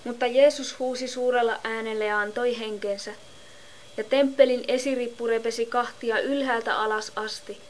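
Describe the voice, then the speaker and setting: Woman reading scripture in a flat, even tone. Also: fairly high pitch. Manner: steady, measured reading. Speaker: scripture reader. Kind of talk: Bible reading.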